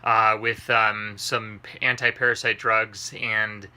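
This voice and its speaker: Bright-voiced man vlogging inside a small RV. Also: on the low side, little pitch movement, takes it slowly, clear, resonant tone. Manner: informal, rambling, earnest. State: tired and unwell. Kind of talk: casual talk to camera, personal health update. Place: inside a parked RV, small enclosed trailer space.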